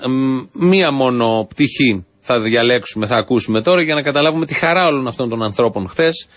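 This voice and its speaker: A man's voice: medium pitch, a bit bright, no room sound. A man hosting a radio show, giving ironic, mock-earnest satirical commentary in speech. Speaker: radio host.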